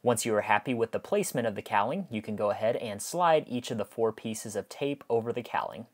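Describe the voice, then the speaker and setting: A man's voice: fairly low pitch, lively intonation, a little fast. A man giving a methodical, step-by-step instructional voice-over, often repeating himself as he explains each step. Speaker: model aircraft build instructor.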